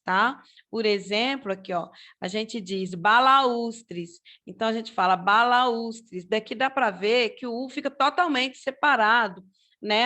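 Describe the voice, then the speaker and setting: A woman's voice: fairly high pitch, a bit bright. A woman with a Brazilian Portuguese accent teaching a grammar lesson, explaining step by step and checking in with her listeners. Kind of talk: slow, patient grammar lesson.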